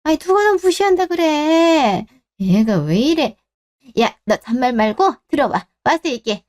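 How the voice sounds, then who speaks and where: Nagging worried mom in a radio drama, kinda high voice, fires off annoyed questions. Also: female voice, big pitch swings, measured pace, a little mellow. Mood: scolding. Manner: scolding, exasperated questions. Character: scolding middle-aged mother, blunt and worried.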